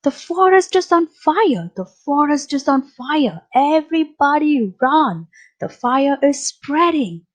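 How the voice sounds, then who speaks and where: A woman voicing a panicked male beaver who shouts a frantic alarm in a read-aloud storybook. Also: high voice, big pitch swings, slow pace, voice pushed up, heavily acted.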